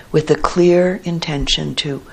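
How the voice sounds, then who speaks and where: A woman's low, husky voice guides a meditation session, unhurried and gentle, with brief phrases broken up by pauses. The audio quality is rough.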